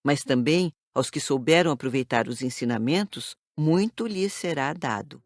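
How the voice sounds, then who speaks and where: A woman voicing a kind older woman who calmly recites teachings in an audiobook drama. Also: low-pitched, no echo, clean studio sound. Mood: instructive. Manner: calm, measured reciting.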